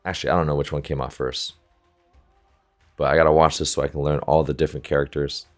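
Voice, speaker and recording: Soft music plays behind the reaction video host, a volleyball coach whose extremely low voice stays flat as he talks fast. He thinks aloud casually, right up against a close desktop USB microphone.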